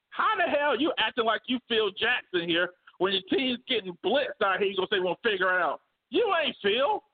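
Co-host, male, high pitch, animated sports banter over a phone-quality line. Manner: animated, laughing, riffing. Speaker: podcast co-host. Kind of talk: casual sports debate. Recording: phone-like narrow band.

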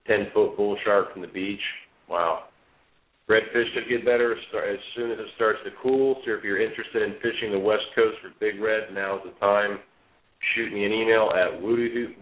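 A man co-hosting a fishing talk show, calling in on a speakerphone, chatting easily with lots of fillers. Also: fairly low pitch. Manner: easygoing, many fillers and restarts. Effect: on speakerphone over a phone line. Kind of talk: casual fishing chat and reading a report aloud. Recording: tinny echoey speakerphone call.

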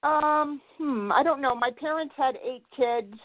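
A woman caller with a fairly high voice answers hesitantly and often trails off unsure. She is heard over a dry, tinny phone line. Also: a little slow, no echo. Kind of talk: phone call to radio show.

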